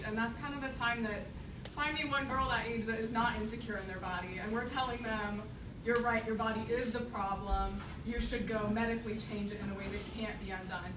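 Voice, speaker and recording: Young woman debating in an echoey room. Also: medium pitch. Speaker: student debater. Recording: echoey room, distant mic, noise.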